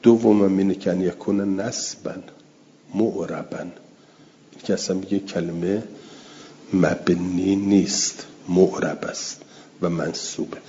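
Male grammar teacher, low voice, reads the text and then explains it patiently, lo-fi recording. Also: steady tone, mellow. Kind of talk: classroom lecture, reading Arabic text and explaining in Persian. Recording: dull lo-fi recording with faint background noise.

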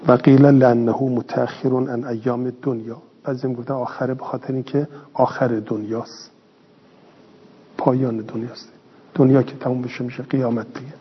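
A man teaching a lesson who reads a phrase slowly, then explains it quickly in plain speech, asking and answering his own questions. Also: medium pitch, level tone, slight background noise. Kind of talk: classroom lesson reading and explaining a text. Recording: lo-fi recording with long reverb.

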